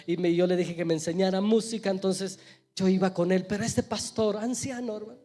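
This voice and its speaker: A man preaching a sermon in a church, telling stories and swinging from loud urgency to a hush. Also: high voice, fairly even intonation, fairly quick. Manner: storytelling preacher, swells loud then drops to a hush. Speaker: pastor.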